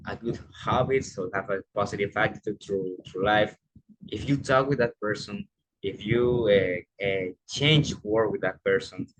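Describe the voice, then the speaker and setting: A man's voice: lowish voice, a bit bright, a little hiss or hum, rough recording. A young man speaking English, giving an earnest motivational talk full of restarts and fillers. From Panama.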